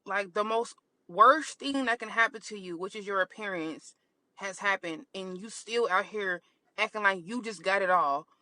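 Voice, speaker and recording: A woman's voice: mid-range voice, normal speed, pushed and bright, no echo. A woman delivering a blunt, scolding, profane rant in a casual online video. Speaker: commentator reacting online.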